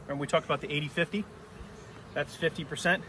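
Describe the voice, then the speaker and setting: A middle-aged man walks through a hive inspection out in a yard, explaining each step plainly as he works. His voice sits a little high for a man and comes from a few steps off the camera mic. A faint outdoor hum runs under him. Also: fairly even intonation, fast, bright, forceful tone. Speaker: beekeeper. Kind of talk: hands-on teaching demonstration. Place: outdoor apiary on a grassy yard. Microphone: camera mic a few steps away. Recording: distant outdoor camera audio.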